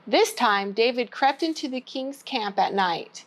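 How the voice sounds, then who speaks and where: Reading aloud to young children at a church storytime, a woman speaks simply and directly to them. Her voice is on the high side and animated, with a measured pace.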